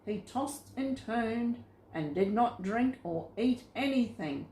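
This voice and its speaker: Reading Bible stories aloud for little ones, this woman has a voice on the high side and a slow, plain, expressive delivery. There's a clear room echo, plus a faint hiss or hum.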